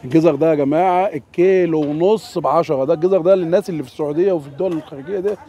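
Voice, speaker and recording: An Egyptian man gives chatty market commentary at a very rapid pace. His voice sits a little high. The recording is muffled, with street noise behind him. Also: dark tone. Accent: Egyptian Arabic. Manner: chatty, repeats answers back to viewers. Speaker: vlogger touring a produce market. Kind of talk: casual on-location chat and price commentary. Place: outdoor produce market.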